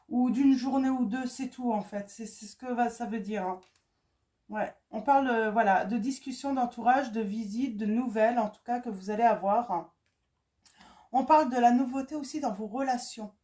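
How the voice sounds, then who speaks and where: Female card reader, slightly high and warm, casual, hesitant, lots of repeats and fillers. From France. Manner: halting, with many fillers and repeated words. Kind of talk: casual spoken card reading.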